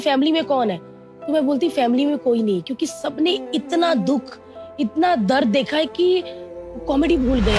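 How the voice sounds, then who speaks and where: A high-pitched Indian woman in her thirties, appearing as an interview guest, recounts her life story. She speaks slowly and earnestly, mixing English words into her talk.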